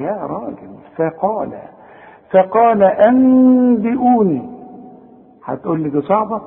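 A man's voice: on the high side, vocal fry. Egyptian man teaching, tinny and echoey. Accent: Egyptian Arabic. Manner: explains in colloquial speech, breaks into slow drawn-out chanted recitation. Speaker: Quran recitation teacher. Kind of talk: recorded lesson with recitation. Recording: tinny phone-like sound with long reverb.

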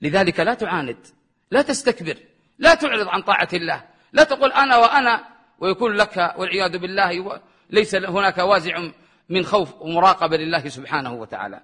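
A man's voice: quick pace, pushed and bright, breathy edge. A man preaching a religious sermon with passion, chanting scripture verses in a melodic voice. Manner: impassioned, rising pitch on questions, chants verses.

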